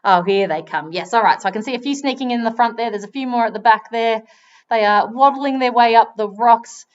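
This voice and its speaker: A woman's voice: a little high, brisk, lo-fi sound. Chatty woman presenting a wildlife stream. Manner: chatty, bursts into excited exclamations. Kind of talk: live wildlife commentary.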